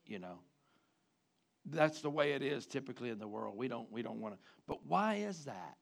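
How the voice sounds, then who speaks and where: A man preaching a sermon, swinging from loud emphatic rises to quiet low drops. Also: very animated, moderate pace, vocal fry. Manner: preaching with sudden loud rises and soft drops, mimicking guys. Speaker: pastor.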